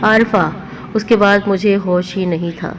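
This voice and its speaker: A woman storyteller narrating an emotional story in a slow, earnest reading. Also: mid-range voice, flat delivery, noisy background.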